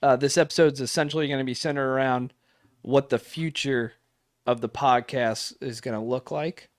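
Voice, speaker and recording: A man's voice: mid-range voice, fairly even intonation, normal speed, dry recording. Rambling casual podcast guy, dry sound. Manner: rambling, lots of fillers and restarts. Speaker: podcast co-host. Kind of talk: casual chat.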